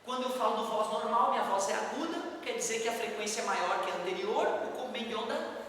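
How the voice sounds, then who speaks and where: In a classroom lecture, a man teaches physics, patiently explaining each step and tossing casual asides to his students. His voice is very high-pitched, a bit bright, and quick. The recording is very echoey and distant, with faint background noise.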